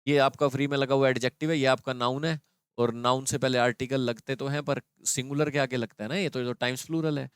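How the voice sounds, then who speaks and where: A man's voice: medium pitch, fairly even intonation, quick pace, smooth, dry recording, clean studio sound. A man teaching an English grammar lesson, explaining patiently and quizzing his students.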